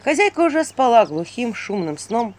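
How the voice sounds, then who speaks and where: Expressive woman telling a folk tale. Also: fairly high pitch, moderate pace, a little hiss or hum. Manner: expressive, hushed then rising. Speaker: storyteller. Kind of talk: dramatic folk tale narration.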